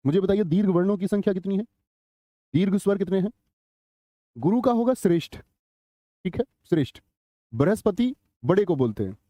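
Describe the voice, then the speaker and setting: A man's voice: sits high, dark tone, no room sound. A man teaching a live online exam-prep class, chatty, quizzing students and reading their chat comments aloud. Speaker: Hindi teacher.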